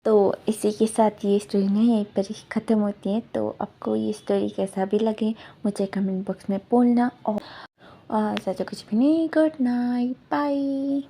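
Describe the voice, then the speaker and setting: A woman's voice: medium pitch, fairly even intonation, normal speed, dark tone, husky. A young woman casually retelling a fan fiction story in a loose, chatty way full of fillers.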